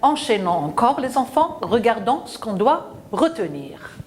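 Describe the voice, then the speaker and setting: A woman teaching a children's phonics lesson, patient and questioning, spelling out letters and sounds slowly. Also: a little high, big pitch swings, slight background noise.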